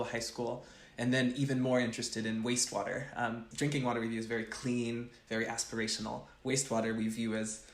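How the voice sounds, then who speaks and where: A man's voice: medium pitch, a bit bright. Earnest young man in an echoey room. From grew up between West Africa and the US East Coast. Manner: earnest, thoughtful, with frequent restarts. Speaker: chemical engineering professor, guest. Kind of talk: interview answers.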